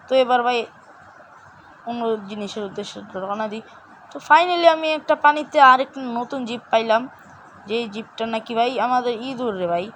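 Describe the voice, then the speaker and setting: A young woman, hoarse, giving excitable gameplay commentary for her gaming channel. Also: fairly high pitch, slight background noise. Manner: excitable, exclaiming at each find.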